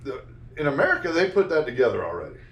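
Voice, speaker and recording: A man chatting casually about a movie he reviews, sarcastic and fond of flat mock voices. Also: a little high, fast talker, lo-fi sound. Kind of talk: casual chat. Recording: echoey room, mic far off.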